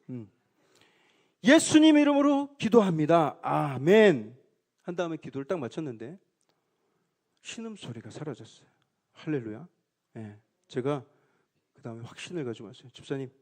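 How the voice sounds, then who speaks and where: High-voiced man preaching a story sermon. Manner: lively storytelling, acts out quoted prayers and cries. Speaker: senior pastor.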